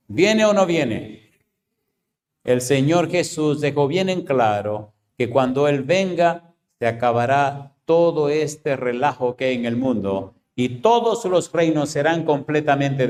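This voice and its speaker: A male pastor preaching a sermon, hammering his congregation with repeated rhetorical questions and swinging between loud, high outbursts and slow, low statements.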